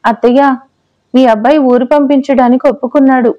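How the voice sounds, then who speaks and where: A woman's voice: high-pitched, fairly even intonation, quick pace, highs cut off, natural voice. A woman voicing a playful, teasing young wife in an audio story. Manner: teasing, pouty. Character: playful pregnant young wife, mock-sulky.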